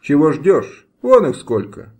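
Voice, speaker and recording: A man reading an audiobook, voicing a cruel nobleman who shouts harsh commands at an executioner. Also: a little high, big pitch swings, drawn-out words, husky, pitched above the performer's own voice, heavily acted. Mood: impatient.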